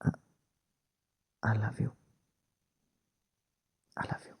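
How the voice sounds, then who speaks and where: A man voicing a young husband married to his ex, gruff but tender, in a hushed, soothing, teasing whispered role-play. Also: extremely slow, dry recording.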